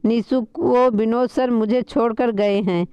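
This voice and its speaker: A woman's voice: fairly high pitch, steady tone, a little slow, clean tone, dry recording, dull audio, lightly acted. A woman voicing a spirited young woman who snaps back and teases. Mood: irritated. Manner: sharp retorts, playful scolding. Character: spirited young woman, quick-tempered and teasing.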